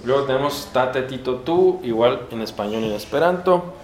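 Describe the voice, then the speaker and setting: A male Esperanto teacher with a Mexican Spanish accent leads a pronunciation lesson in a large university auditorium, spelling out sounds one by one and asking the class questions. He speaks at normal speed with a medium-pitched, expressive voice. The auditorium gives a roomy echo, with faint background noise.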